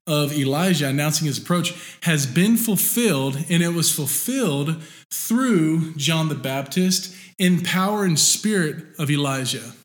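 A man preaching a sermon in a relaxed conversational way, with many fillers and restarts. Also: on the high side. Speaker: pastor.

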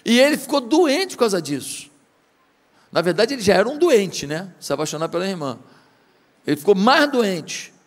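A man's voice: high-pitched, very animated, moderate pace, long reverb tail. A man with a Brazilian Portuguese accent preaching a sermon, retelling a story dramatically and firing rhetorical questions at the congregation. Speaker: pastor.

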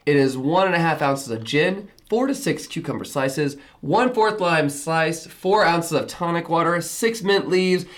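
A woman from Southern California hosting a casual podcast chat, bubbly and chatty, with lots of fillers and quick restarts. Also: low voice, animated. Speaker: podcast host.

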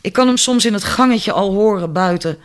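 A fiery, sharp-tongued working-class woman, as a male audiobook reader puts her on, chattering indignantly and bossing others about. Her voice sits well above the reader's own, set higher for the part. The delivery stays quick and forceful. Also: clean tone, natural voice.

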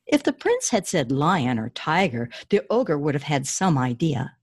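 A woman's voice: sits low, big pitch swings, a little slow, breathy edge, dry recording, clean studio sound. A woman author answering interview questions with enthusiasm, often restarting her sentences, then reading her children's story aloud.

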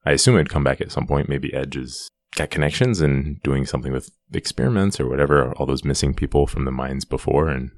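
A man's voice: rumbling low, a little fast, hardly any pauses. A man co-hosting a casual podcast, thinking aloud and hedging as he discusses a TV show. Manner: hesitant, unsure, thinking aloud. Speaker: podcast co-host.

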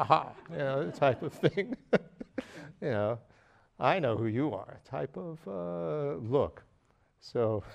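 A man giving a Buddhist teaching, talking in a loose, hesitant way with many pauses and fillers, often chuckling as he tells stories. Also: medium pitch, vocal fry, a little mellow. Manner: storytelling with frequent chuckles. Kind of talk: dharma lecture.

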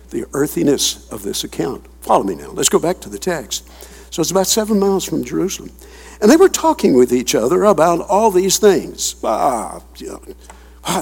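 A man with a high, gravelly voice preaches with great animation, swinging widely in pitch as he reads scripture and breaks off into chuckling asides. His tone is husky rather than clean. The sound rings out with a long reverb, as in a big church hall. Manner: animated, chuckling asides, asks the congregation questions. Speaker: pastor. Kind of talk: expository sermon reading and commenting on scripture.

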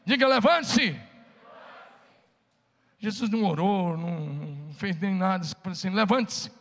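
A man's voice: high voice, a little fast, in a large hall. A man preaching a sermon, calling on the congregation to answer back. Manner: preaching with call-and-response to the congregation. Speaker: pastor.

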